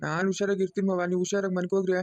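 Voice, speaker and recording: A man's voice: high-pitched, completely flat delivery, rapid-fire, a little mellow, muffled recording. Blunt scolding village man. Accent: Chikkaballapur rural Kannada. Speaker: son-in-law in a family drama. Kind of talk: village web-series acting.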